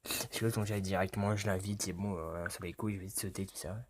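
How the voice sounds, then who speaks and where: A man's voice: low voice, fairly even intonation, fast talker, very noisy. A man doing casual let's play commentary. He reads dialogue choices aloud and reacts with jokes and swearing. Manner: swears often, jokey reactions. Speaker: let's player.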